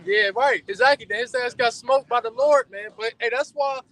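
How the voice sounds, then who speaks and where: A man's voice: very high voice, moderate pace, fairly bright tone, rough recording. A man in a group Bible discussion, talking emphatically and loosely, with frequent hesitations. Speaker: study group member. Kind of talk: casual scripture discussion.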